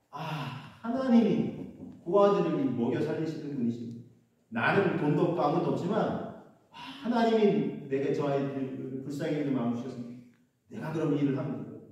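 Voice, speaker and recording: A man's voice: on the high side, a little mellow. A man preaching a sermon as a pastor, asking the congregation questions as he goes. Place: church sanctuary. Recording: echoey church hall, mic from a distance.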